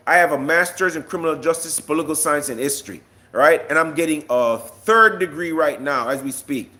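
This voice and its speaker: Here a man from Jamaica, a political commentator on live streams, argues combatively and with passion to his online viewers, stressing points and posing rhetorical questions. He has a fairly high, somewhat bright voice.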